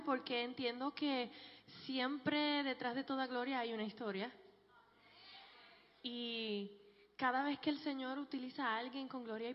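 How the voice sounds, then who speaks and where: A woman gives a church testimony, telling her life story with a joking, warm manner. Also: high voice. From Puerto Rico. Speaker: guest speaker giving a testimony. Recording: dull, echoey large hall.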